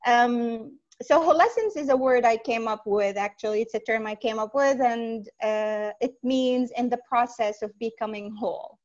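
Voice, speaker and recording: A woman from Saudi Arabia, in her thirties, speaking earnestly as a podcast guest over a video call from a small home room, with many pauses and "uh"s. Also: on the high side. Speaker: podcast guest, life coach. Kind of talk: casual interview on a video call. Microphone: earbud headset mic on a video call. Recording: dull lo-fi call audio.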